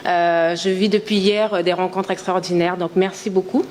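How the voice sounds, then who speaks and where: A woman's voice: on the low side, little pitch movement, moderate pace, a little mellow, a little hiss or hum. A woman in her thirties from French Guiana, an entrepreneur giving a conference talk, speaking earnestly and with enthusiasm, with frequent hesitations. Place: conference hall.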